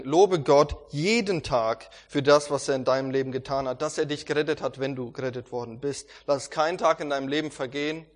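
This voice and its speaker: A man teaching a Bible sermon, earnest and emphatic, repeating phrases and sometimes restarting a word. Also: fairly high pitch. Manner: occasional restarts and stumbles. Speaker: preacher.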